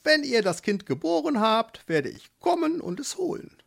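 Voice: sits high, very animated, moderate pace, vocal fry, voice pushed up, heavily acted. A narrator voicing a scheming old witch in a storybook, speaking with false friendliness. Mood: falsely sweet. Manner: sugary, hard underneath. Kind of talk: storybook reading.

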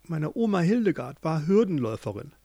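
A man's voice: on the high side, sing-song, brisk, warm tone, breathy edge, no echo, exaggerated voice. A man doing a chirpy, scatterbrained millipede lady. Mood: rambling. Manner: chirpy, distracted, rambling. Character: cheerful scatterbrained female millipede.

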